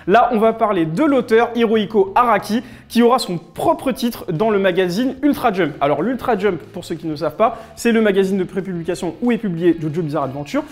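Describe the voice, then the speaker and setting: A man with a high, light voice hosts a weekly news roundup, talking straight to camera in a loose, joking way. He keeps it chatty and informal and often turns to address his viewers. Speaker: host of a weekly manga and gaming news show. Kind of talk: casual news recap to camera. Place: office.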